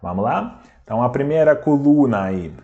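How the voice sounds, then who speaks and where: A man teaching a language lesson, who speaks deliberately, repeats words to model their pronunciation, and asks rhetorical questions. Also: medium pitch, expressive, warm tone, muffled recording.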